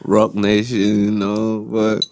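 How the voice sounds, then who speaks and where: Laid-back man, lowish voice. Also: completely flat delivery, slow pace, background noise. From Nigeria. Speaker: guest. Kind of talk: casual chat.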